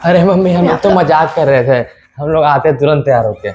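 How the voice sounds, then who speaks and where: A man's voice: fairly high pitch, a little fast, a little mellow, a little hiss or hum, close to an everyday voice. A man playing a stubborn, grumbling teenage son in a comedy sketch, talking back to his mother. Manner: grumbling, backtalking.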